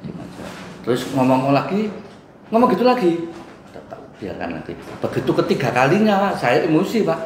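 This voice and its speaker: A man's voice: a little high, sing-song, brisk. A middle-aged man with an East Javanese accent recounts a neighborhood dispute to a mediator, acting out the quoted arguments. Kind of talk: animated retelling to a mediator. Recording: echoey room with faint background hum.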